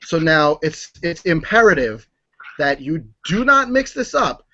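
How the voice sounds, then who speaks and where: Guy as flustered army aide, kinda high voice, insistent n repeating himself, improv comedy, bit dull audio. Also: sing-song, unhurried, sharp tone, heavily acted. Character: earnest, flustered military aide pressing his superior.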